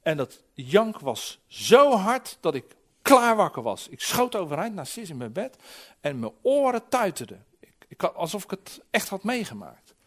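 A man in his forties preaching a sermon, telling stories lively and acting out voices, often restarting his words. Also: high-pitched, moderate pace. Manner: lively storytelling with acted-out voices; frequent restarts and repeated words.

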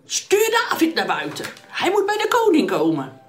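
A woman voicing rough soldiers shouting demands at a door in a children's Bible story. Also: very high voice, huge pitch swings, moderate pace, faint music behind, pitched above the performer's own voice, full character voice. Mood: demanding.

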